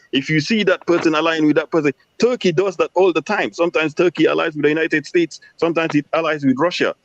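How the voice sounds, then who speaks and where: A man with a somewhat high voice lays out his views firmly and keeps checking that the listener follows. The sound is a little muffled and lo-fi. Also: no room sound. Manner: emphatic, asks rhetorical questions. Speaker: discussion participant. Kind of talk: lecturing commentary.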